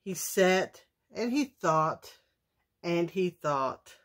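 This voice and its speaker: A woman reading a children's bedtime story aloud, slowly and expressively. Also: on the low side, animated.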